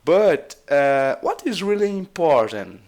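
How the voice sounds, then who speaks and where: This man's voice is fairly high, sing-song and a little mellow, and he speaks at a slow pace. He's a Brazilian language vlogger, a native Portuguese speaker with a Brazilian Portuguese accent, casually advising on language learning while hesitating, repeating himself and using many uhs.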